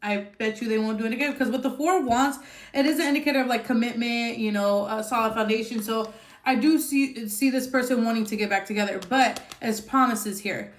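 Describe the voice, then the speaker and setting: A woman's voice: fairly high pitch, fairly quick, reverberant. A woman giving a casual tarot reading, chatty and blunt, who swears freely and keeps checking in with "okay?". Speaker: tarot reader.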